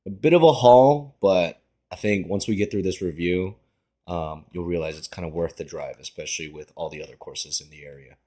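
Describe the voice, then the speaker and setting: A young man with a very deep voice hosts a casual podcast. He talks in a relaxed, slightly halting way, filling his pauses with ums. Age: young adult. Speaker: podcast host.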